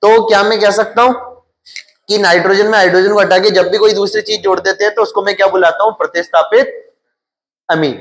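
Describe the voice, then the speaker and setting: A man's voice: high voice, steady tone, a little fast. A male chemistry teacher with a Hindi accent lecturing his class. He keeps asking questions and answers them himself, repeating the key terms.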